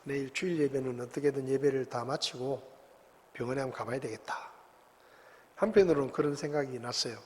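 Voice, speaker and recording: A man's voice: medium pitch, brisk, a little mellow. A man, a pastor preaching a sermon in a conversational, storytelling way with rhetorical questions. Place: church sanctuary. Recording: long church hall reverb.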